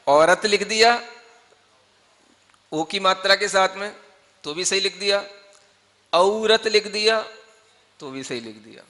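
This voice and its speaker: Bright-voiced monk teaching in a reverberant hall. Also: male voice, a little high. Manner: keeps asking the listeners if they follow; explains patiently with everyday examples. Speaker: Jain monk teaching scripture. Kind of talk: classroom-style scripture teaching.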